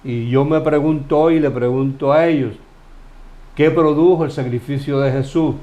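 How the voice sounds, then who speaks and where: This Bible teacher from Cuba, speaking with a Cuban Spanish accent, walks through scripture in an easygoing study chat, posing questions and starting phrases over. His pitch is fairly high and his pace moderate.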